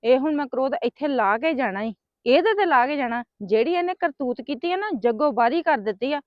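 A woman's voice: high voice, expressive, brisk, no echo. A woman playing a hot-tempered young woman who scolds and rants in a family drama skit. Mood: angry scolding. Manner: sharp, scolding, ranting. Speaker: angry niece heading to confront her sister-in-law. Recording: dry, dull lo-fi sound.

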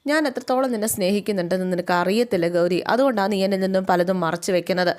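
A woman's voice: medium pitch, racing, darkish tone, close to an everyday voice. A woman voicing an angry young husband who scolds his wife bitterly. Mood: angry, reproachful. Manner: scolding, reproachful.

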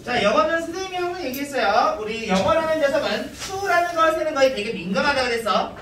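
A man with a very high, bright voice lectures on grammar to students. He keeps asking rhetorical questions and repeating key points. He sounds far from the mic in a strongly echoing room. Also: lively intonation, fast, slight background noise. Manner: repetitive, quizzing students, many rhetorical questions. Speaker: middle school English teacher.

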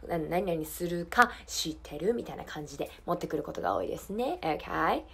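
A woman teaching an English lesson, saying model phrases slowly and carefully, then explaining quickly and repeating drill lines for learners to copy. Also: on the low side, expressive, gravelly, fairly bright tone, breathy edge. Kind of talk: language lesson.

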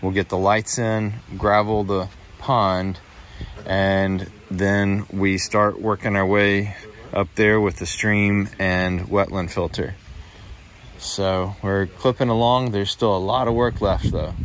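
Low-voiced man explaining a pond build outdoors. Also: steady tone, takes it slowly, a bit bright, rough recording. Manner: plain, explanatory, loose restarts. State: out of breath. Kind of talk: casual on-site walkthrough. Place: outdoor backyard construction site. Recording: outdoor recording with wind noise.

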